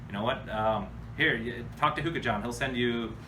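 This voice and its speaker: A US man with a mid-range voice speaks at a moderate pace as he answers questions from viewers. The chat is casual and spontaneous, delivered bluntly with lots of slang. Clear background noise accompanies the distant recording.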